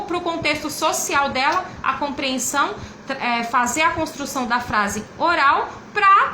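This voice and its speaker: A woman teacher with a Brazilian Portuguese accent walks through a literacy lesson, explaining step by step. Her voice sits high and bright. The room gives it a roomy echo with a faint hiss underneath. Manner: explains step by step, sometimes acting out prompts to a child. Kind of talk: instructional explanation.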